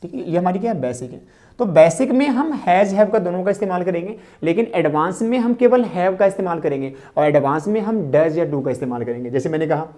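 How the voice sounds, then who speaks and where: A woman teaching a grammar lesson to students, repeating key phrases slowly and asking rhetorical questions as she explains. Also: on the low side, mellow.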